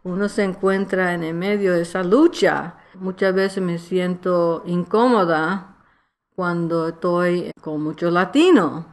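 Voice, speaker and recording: In a reflective, casual Spanglish interview, a Nuyorican author from New York speaks slowly and haltingly, groping for Spanish words before slipping into English. Her voice is on the low side, steady and darkish, carrying a New York Puerto Rican accent.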